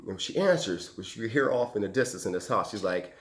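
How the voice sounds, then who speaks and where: A firefighter recounting an emergency call as a casual anecdote, acting out the people involved with lively quoted voices. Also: male voice, lowish voice, fairly quick. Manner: animated, acts out quoted voices and sound effects.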